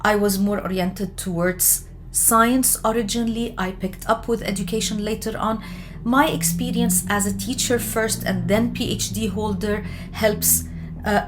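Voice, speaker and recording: A woman from Lebanon giving an explanatory lecture on research methods, talking in a measured way with frequent fillers and self-corrections. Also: medium pitch, fairly even intonation, slight background noise. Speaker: education lecturer.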